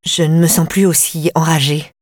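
A blunt, irritable female investigator in pain, read by a woman in an audiobook. Her voice sits low and her words come short and exasperated. The recording is dry and close. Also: flat delivery, normal speed, darkish tone, no room sound. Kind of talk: audiobook reading.

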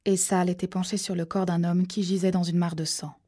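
A woman narrating a thriller audiobook in a steady, measured storytelling voice that drops to hushed tones at tense moments. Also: lowish voice.

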